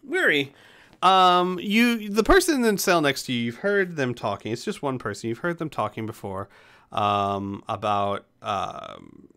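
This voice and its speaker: A man's voice: mid-range voice, lively intonation, a little slow, sharp tone, clear, resonant tone. A man acting as game master, narrating a tabletop game and chatting casually with the players.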